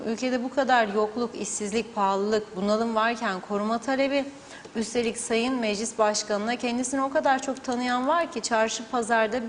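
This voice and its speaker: A woman's voice: on the high side, long reverb tail, slight background noise. A woman presenting on TV, steadily reading out viewer messages. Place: TV studio.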